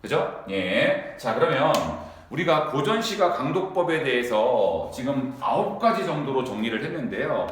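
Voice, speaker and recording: A man teaching a lecture to students, who keeps asking them quick rhetorical questions. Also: mid-range voice, very animated, a little hiss or hum. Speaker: Korean language teacher. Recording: very echoey room.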